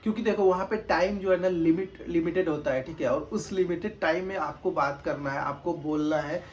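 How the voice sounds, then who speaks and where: Recorded on a camera mic with a faint hum of background noise, a man with a fairly high voice gives a relaxed tutorial straight to the lens, projecting louder than he normally would. As a test-prep tutor, he's patient and instructive, repeatedly checking in and returning to his points.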